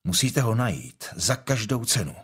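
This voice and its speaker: A man's voice: medium pitch, big pitch swings, husky. A man voicing a young, imperious and impatient king in an audiobook, speaking in a commanding, brusque way.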